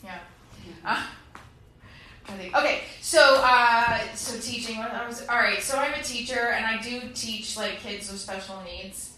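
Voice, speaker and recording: A woman in her thirties performing an animated stand-up comedy set on a club stage, acting out characters as she goes. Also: a little high, a little slow, distant mic. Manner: animated, acts out characters in quotes. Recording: very echoey room, faint crowd noise.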